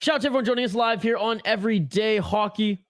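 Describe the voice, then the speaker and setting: A young Canadian man with a high-pitched voice talks fast while hosting a live hockey watch-along. He reads viewer comments aloud, chats casually, and swears freely, all captured in a dry, studio-quality recording.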